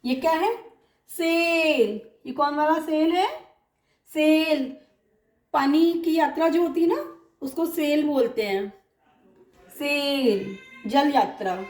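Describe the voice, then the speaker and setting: A high-pitched woman gives a slow, patient phonics lesson. She stretches out her example words and keeps asking whether her students have understood. Her voice sounds a little echoey, as if recorded in a bare room. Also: a little mellow. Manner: patient, drawn-out examples, frequent check-ins like "clear?". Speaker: English phonics teacher.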